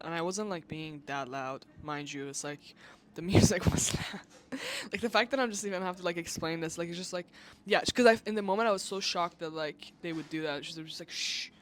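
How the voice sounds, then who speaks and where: A woman vlogger telling a story in a casual, animated rant, filling her talk with "like" and swearing when she is exasperated. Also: fairly low pitch, fairly quick, few pauses, a little hiss or hum.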